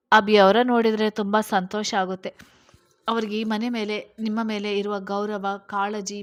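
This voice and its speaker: A woman's voice: medium pitch, natural voice. A woman voicing a young woman, tearful and earnest, in a read-aloud storybook. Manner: pleading, emotional.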